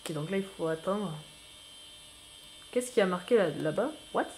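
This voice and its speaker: A man with a high-sitting voice talks at a moderate pace over slight hiss or hum. As a newcomer YouTuber, he gives relaxed gameplay commentary that wanders, pokes fun at himself, leans on slang, and breaks into excitable outbursts.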